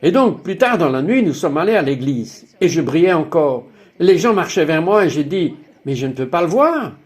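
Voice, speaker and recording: Lively, wondering man narrating a testimony. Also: on the high side, normal speed. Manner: emphatic, exclaiming, full of wonder. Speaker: voice-over narrator of a personal testimony.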